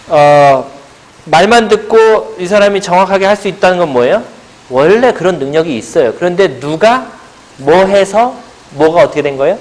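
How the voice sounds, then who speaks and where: A middle-aged male pilates instructor giving a seminar lecture, asking the audience questions and answering them himself, with playful buzzer noises. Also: on the high side. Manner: playful buzzer sound effects. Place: seminar room.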